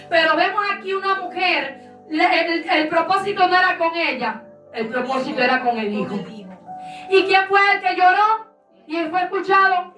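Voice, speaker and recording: A woman's voice: extremely high pitch, pushed and bright, reverberant, recorded from a distance. A woman pastor giving a fervent sermon in a repetitive preaching cadence.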